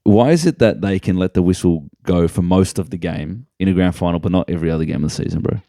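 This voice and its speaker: A man's voice: low voice, fast talker, mellow, dry recording, clean studio sound. A young Australian man co-hosting a casual podcast, joking in laid-back banter. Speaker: podcast co-host. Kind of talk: casual chat.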